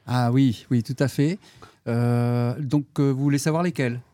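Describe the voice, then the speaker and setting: Hesitant middle-aged man, dark dry voice. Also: medium pitch, a little slow, no echo. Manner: hesitant, many fillers, animated when acting out a story. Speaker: history-geography teacher. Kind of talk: casual interview, storytelling.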